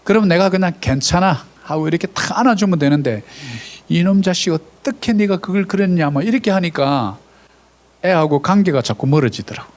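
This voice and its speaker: A middle-aged male pastor preaching a sermon at a church service, animated, with rising exclamations and direct prompts to the congregation. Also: on the high side.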